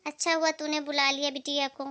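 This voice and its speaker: A gossipy older aunt, as a woman acts her out, nodding along and stirring things. Her voice is high and bright, and her lines pry and approve. It plays as a moral-story drama. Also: flat delivery, brisk.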